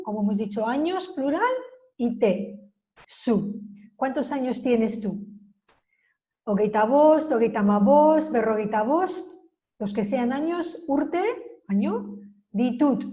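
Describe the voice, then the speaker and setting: A woman teaching a beginner Basque lesson in Spanish, slowly spelling out and repeating example phrases. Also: a little high, dark tone, low-quality recording. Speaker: language teacher.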